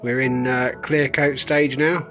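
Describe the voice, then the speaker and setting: With soft background music, a medium-pitched, slightly bright British male voice talks in a flat, somewhat slow way. He's a vlogger or livestream host, keeping things casual and playful and often thinking out loud.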